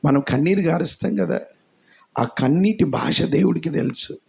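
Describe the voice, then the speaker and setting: A man's voice: a little high, creaky, darkish tone. A man with a Telugu accent, a pastor preaching an impassioned sermon and leading worship singing. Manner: impassioned preaching, repeats hallelujah, calls listeners dear ones.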